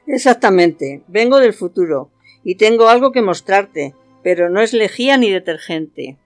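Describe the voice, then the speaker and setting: A woman's voice: mid-range voice, expressive, moderate pace, faint music behind, close to an everyday voice. Woman as solemn Ghost of Christmas Future. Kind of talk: amateur radio play acting.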